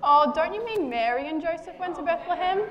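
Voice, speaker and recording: A woman's voice: very high-pitched, lively intonation, a little fast, highs cut off, a faint crowd. A woman, patiently talking with a puppet in a children's church show. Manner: patient, gently correcting.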